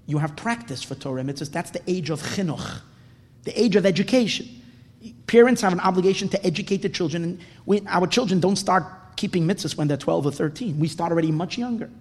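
Male rabbi, high voice, emphatic lecturing rhetorical questions, long room reverb. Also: brisk. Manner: emphatic, repeats phrases, asks and answers own questions. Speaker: rabbi teaching a Torah class. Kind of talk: religious lecture, teaching unscripted. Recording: reverberant hall.

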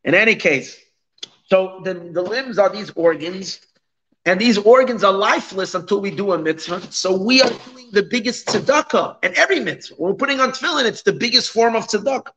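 Guy with a fairly high voice teaching torah, reads a bit then explains it, repeats stuff for emphasis. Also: expressive, a little fast, bright, forceful tone, slight background noise, low-quality recording. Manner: emphatic repetition and rhetorical questions. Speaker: religious teacher giving a Torah class. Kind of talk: explanatory text study lecture, reading phrases and translating them.

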